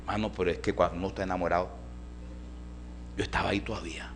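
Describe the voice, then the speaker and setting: A male pastor preaching a storytelling sermon in a church, folksy and animated, often calling his listeners brother. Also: sits low, quick pace, a little hiss or hum.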